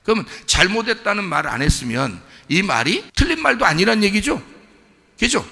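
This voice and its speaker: A man's voice: high-pitched, sing-song, normal speed, gravelly, sharp tone, husky, long reverb tail. A male pastor preaching a sermon in a conversational way, quizzing the congregation with repeated questions. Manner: acts out quoted voices to make a point. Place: church sanctuary.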